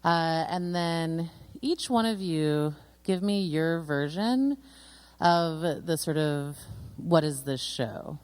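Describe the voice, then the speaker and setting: A woman's voice: low-pitched, expressive, slow, darkish tone, clean tone, dry recording. A woman interviewer asking questions in a friendly, easygoing way. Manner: friendly, laughing.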